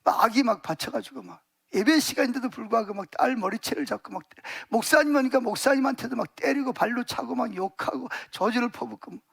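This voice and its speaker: A male pastor preaches in a church. His voice sits very high for a man. He tells stories vividly and packs his sentences with emphatic fillers. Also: quick pace, vocal fry, fairly bright tone, husky. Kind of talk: sermon.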